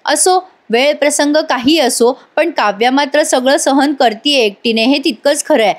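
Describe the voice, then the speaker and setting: A woman's voice: sits high, moderate pace. A woman narrating a voice-over recap of a TV serial, chatting directly to viewers and adding scolding asides. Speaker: TV serial reviewer.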